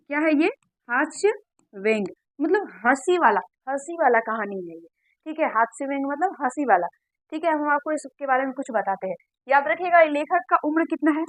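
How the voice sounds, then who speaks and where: High-voiced woman teacher. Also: fairly bright tone, no room sound, poor audio. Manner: repeats questions and answers to drill points. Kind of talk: exam-prep lesson.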